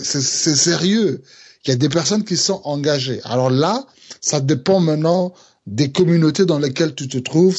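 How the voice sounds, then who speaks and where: A Congolese pastor with a fairly high, husky voice and a Congolese French accent gives earnest teaching about engagement. He hesitates often, using fillers and restarting his sentences.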